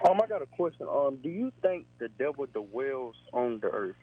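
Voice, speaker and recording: A man's voice: mid-range voice, very animated, normal speed, slight background noise. Hesitant male radio show caller on a tinny phone line. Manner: hesitant, loose phrasing with fillers. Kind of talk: call-in question.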